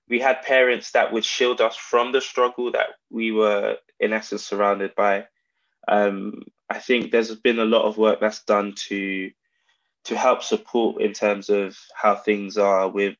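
A man with a South London accent speaks as an interview guest, pausing and restarting as he reflects. His voice sits on the low side and stays quite level in pitch. The sound is a little dull and lo-fi. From South London, England. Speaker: interview guest, brand founder. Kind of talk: reflective conversational interview answers.

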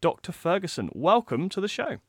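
A man's voice: sits high, big pitch swings, a little fast, a bit bright. A man hosting a radio interview, introducing his guest and asking questions in an upbeat, conversational way. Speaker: radio host and magazine editor.

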